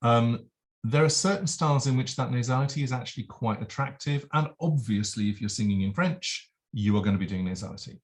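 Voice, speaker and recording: A man's voice: mid-range voice, fairly quick. A man teaching as a vocal coach, explaining and demonstrating nasal and oral sounds in a lesson.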